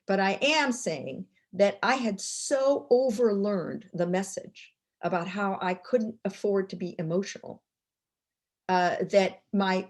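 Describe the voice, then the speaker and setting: A woman's voice: mid-range voice, vocal fry, darkish tone, slightly rough. An older woman telling a story as a guest speaker in a fireside chat. She restarts and repeats words as she goes.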